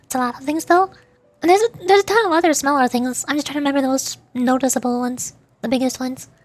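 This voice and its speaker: Talking fast in a high voice with no room sound, a woman VTuber livestreams a game. Her chat is casual, playful and meandering as she responds to her live chat.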